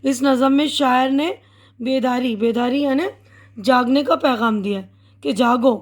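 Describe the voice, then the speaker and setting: A woman teacher patiently explaining a children's poem line by line, often checking in with her pupils and reading verses slowly. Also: high-pitched. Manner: patient, repeats and asks "hai na"; reads poem lines slowly.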